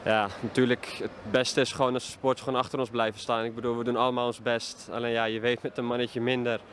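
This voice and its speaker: A young man in his twenties gives a post-match interview as a footballer. His voice sits at an ordinary pitch, and he talks haltingly with frequent fillers. He is recorded outdoors at a stadium on a handheld reporter mic, with faint noise behind him. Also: little pitch movement, a bit bright. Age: 20s. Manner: hesitant, many fillers. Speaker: football player. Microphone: handheld reporter mic held up to him.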